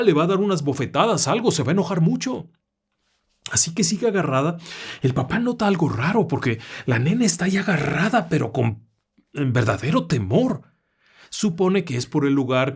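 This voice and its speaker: A man's voice: mid-range voice, breathy edge. A man with a mid-range voice narrates a ghost story. He tells it casually yet dramatically and breaks off now and then for asides to the listener.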